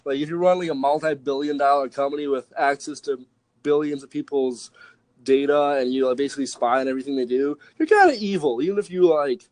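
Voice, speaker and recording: A young man with a fairly high voice chats loosely on a podcast, wandering from joke to joke and leaning on "like" constantly. His voice sounds close and dry, with no room around it. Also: quick pace, a little mellow, dry recording, poor audio. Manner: rambling, jokey, lots of "like". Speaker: podcast co-host. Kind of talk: casual chat.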